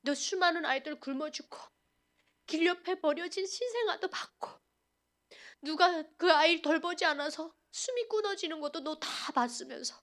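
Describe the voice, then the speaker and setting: A woman voicing God as a stern, loving father who speaks in dialect, talking in a low, measured, scolding way. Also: expressive, a bit bright. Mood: stern rebuke.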